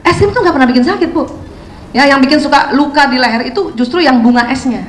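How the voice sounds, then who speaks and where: Woman seminar speaker, high-pitched and conversational, recorded in an echoey hall with faint room noise. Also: quick pace. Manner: chatty, keeps asking the audience questions. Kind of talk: lively seminar talk to an audience. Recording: roomy hall sound, faint ambience.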